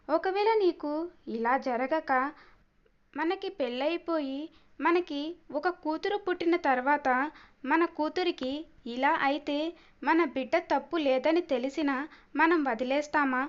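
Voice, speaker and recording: A woman's voice: high voice, lo-fi sound. A woman reading the part of an earnest young man pleading with his fiancée. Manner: earnest, pleading, gently reasoning.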